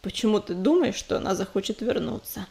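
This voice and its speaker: A steady young tomcat warrior from a storybook, speaking low and measured, never rattled, as a woman reader lowers her voice for him. He sounds calm and sensible. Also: vocal fry. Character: young male warrior cat, calm and level-headed.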